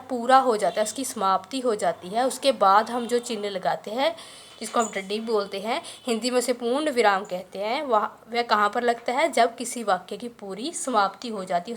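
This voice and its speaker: A woman teaching a grammar lesson, explaining step by step, often pausing to check in with viewers and reading example sentences slowly. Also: a little high, a little hiss or hum.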